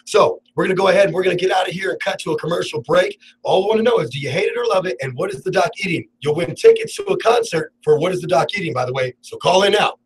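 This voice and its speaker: Lively joking man hosting a radio show. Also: high voice, rapid-fire, hardly any pauses, slight background noise, poor audio. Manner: rambling, laughs a lot, playful. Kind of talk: casual on-air banter. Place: radio studio.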